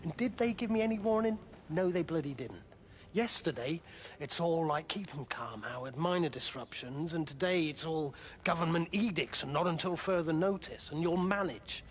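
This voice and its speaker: Brief: actor as fretful stationmaster, a touch high, faint noise. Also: male voice, animated, normal speed, lightly acted. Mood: grumbling. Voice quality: grumbling, worried. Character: grumbling middle-aged stationmaster, anxious.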